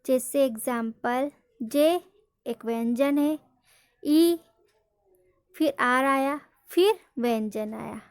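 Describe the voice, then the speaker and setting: A high-pitched woman teaches pronunciation at a deliberate, unhurried pace. She spells out each word, asks a question and answers it herself. Her voice is close and dry, with no room around it. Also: clear, resonant tone, no echo. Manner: slow, drilling, asks questions then answers them. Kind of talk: classroom-style lesson.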